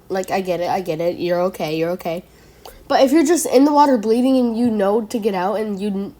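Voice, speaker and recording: A woman's voice: medium pitch, warm tone. A woman giving casual reaction commentary, chatty and playful, who argues with herself and trips over long words. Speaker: video creator reacting to school myths.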